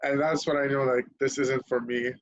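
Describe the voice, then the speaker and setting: A man's voice: mid-range voice, level tone, normal speed, muffled recording. A young man from Lebanon, a podcast guest telling his story candidly in casual chat, swearing freely and laughing at himself.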